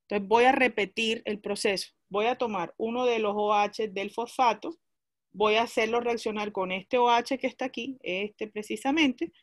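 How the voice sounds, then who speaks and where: A woman's voice: on the high side, normal speed, no room sound. A woman teaching a class, explaining a chemistry lesson step by step and asking her students questions as she goes.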